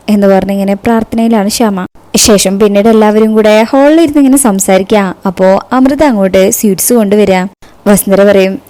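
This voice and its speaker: Mellow-voiced woman retelling a soap episode. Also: medium pitch. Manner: recounts scenes, quoting each character in turn. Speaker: TV serial recap narrator. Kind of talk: casual retelling of a TV serial episode.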